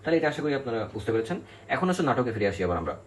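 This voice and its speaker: A man's voice: medium pitch, very animated, very fast, low-quality recording. Man giving a step-by-step exam lecture. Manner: explains step by step, counts syllables aloud, asks "কেমন?" often. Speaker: literature teacher.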